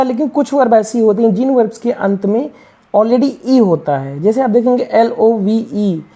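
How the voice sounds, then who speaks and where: Mellow-voiced woman teaching English reading. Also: fairly high pitch. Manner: spells words letter by letter, asks and answers her own questions. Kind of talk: classroom-style reading lesson.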